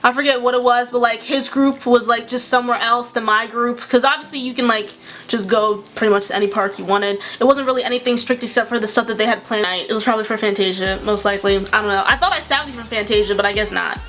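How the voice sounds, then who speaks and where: Bright-voiced young woman telling a story. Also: fairly high pitch. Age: young adult. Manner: chatty, quick asides, laughs often. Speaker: YouTuber. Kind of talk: casual storytime chat.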